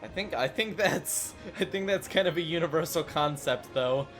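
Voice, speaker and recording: A man's voice: fairly high pitch, normal speed, fairly bright tone, soft background music. A young man casually commenting while playing a city-building game, chatty and self-mocking, rambling into asides. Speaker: gaming YouTuber.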